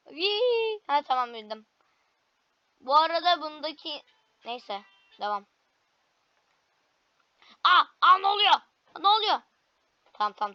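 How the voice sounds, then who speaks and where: A woman commentating her own gameplay, excitable, with frequent frustrated cries and cheers. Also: high-pitched, no echo, muffled recording. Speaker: gaming video creator.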